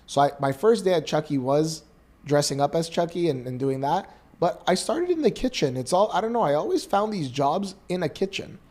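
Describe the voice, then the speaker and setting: Animated man telling stories on a podcast. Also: on the high side, brisk. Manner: animated storyteller, acts out voices. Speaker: podcast co-host. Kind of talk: casual chat.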